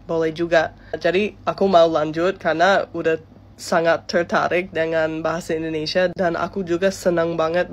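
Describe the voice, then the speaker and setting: A woman in her thirties speaks Indonesian as a native English speaker. Her voice sits a little low, and she explains things casually to her viewers, checking points with small tags and slipping in English words. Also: lo-fi sound. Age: 30s.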